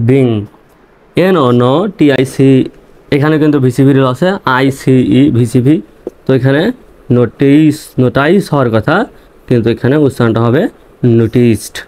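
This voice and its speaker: A man teaching English reading, spelling words out letter by letter and repeating each pronunciation slowly. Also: fairly high pitch, a little mellow.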